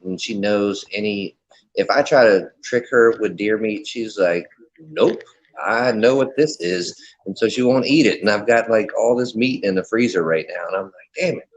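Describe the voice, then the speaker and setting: Man heard over a conference call with lo-fi dull audio, low voice, casual reactions. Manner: quick reactions, swears casually. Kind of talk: casual chat.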